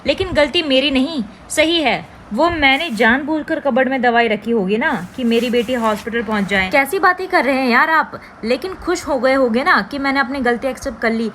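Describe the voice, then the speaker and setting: A woman reading the lines of a defiant, sharp-tongued young mother in a TV drama recap, scolding and sarcastic. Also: sits high, lively intonation, fairly quick, a little hiss or hum. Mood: scornful.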